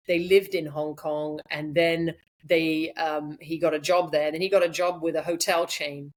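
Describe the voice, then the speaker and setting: A British woman, a podcast guest, telling her story in a chatty way with many ums and the odd laugh. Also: low-pitched. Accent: British English. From Britain. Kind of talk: conversational storytelling.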